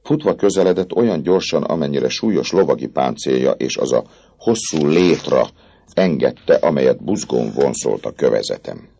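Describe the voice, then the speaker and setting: Audiobook narrator, male, deep gravelly voice, animated reading. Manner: expressive storytelling. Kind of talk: scripted narration.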